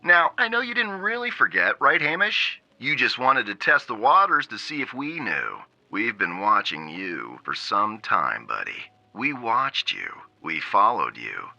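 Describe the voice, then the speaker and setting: Creepy robot game-show driver. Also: male voice, very animated, unhurried, gravelly, few pauses, bright, forceful tone, dry recording, muffled recording, full character voice. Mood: menacing. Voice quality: cheery announcer voice that drops to a low growl. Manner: taunting game-show patter.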